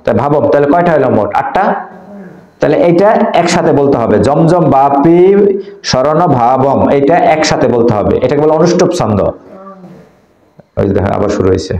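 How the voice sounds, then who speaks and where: A man's voice: medium pitch, animated, quick pace, creaky, pauses often, dark tone. A man teaching children to recite scripture verses, quizzing them and scolding them and drilling the pronunciation. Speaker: Gita teacher. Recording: echoey, dull lo-fi sound.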